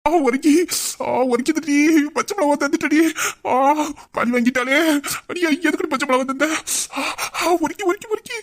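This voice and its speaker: A performer doing a brash young husband, teasing, pleading, yelping loudly, mid-pitched voice, audio drama. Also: fairly quick, close to an everyday voice. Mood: pained yelling. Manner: teasing and pleading, loud yelps of pain. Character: rough, playful young husband, romantic and mischievous. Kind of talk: Tamil audio drama dialogue.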